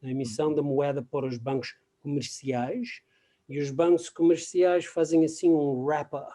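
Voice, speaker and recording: In a conversational webinar, a male guest expert speaks Portuguese as a non-native, mixing in English terms. His mellow voice sits on the high side with a steady tone, though he halts hesitantly while hunting for words.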